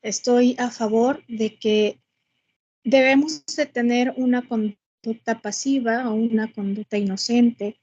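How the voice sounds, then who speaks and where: Slow, breathy woman teacher on a call. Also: on the high side, steady tone, a little mellow, highs cut off. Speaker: interviewee, teacher. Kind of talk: answering interview questions.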